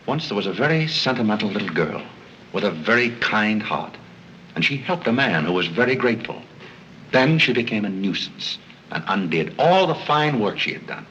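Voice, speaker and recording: Deep dry polite butler, bright forceful tone, muffled old 30s film sound. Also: male voice, a little hiss or hum. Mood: patient, firm. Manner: formal, measured, deadpan. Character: courteous, dry, patient gentleman butler. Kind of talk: 1930s screwball comedy film acting.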